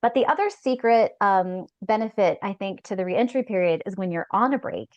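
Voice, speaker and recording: A woman career coach giving advice in an interview, animated and chatty, peppering her talk with "like.". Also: mid-range voice, a little fast, dry recording, highs cut off. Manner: animated, acts out anxious inner voices, frequent "like". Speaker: career break coach, guest.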